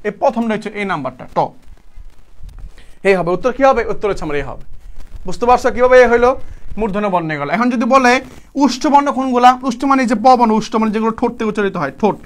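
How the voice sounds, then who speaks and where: A young man with a very high voice leads a live exam-prep class. He keeps firing quick questions and answering them himself, repeating each point in a casual, brotherly tone. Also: expressive. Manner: repetitive, drilling students with quick questions and answers; colloquial, addresses students as brother. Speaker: teacher.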